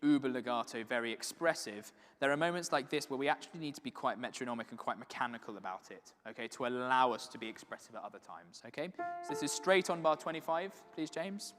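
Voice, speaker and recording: A man running a choir rehearsal, calling out bars and cues in a brisk, encouraging way. His voice rings with a long echo in a large hall, and a faint piano is heard between his directions. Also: mid-range voice, expressive, a bit bright. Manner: brisk, encouraging, sings phrases to demonstrate. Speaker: choir conductor. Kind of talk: rehearsal instruction. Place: large reverberant rehearsal space. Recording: distant voice in a reverberant hall, piano.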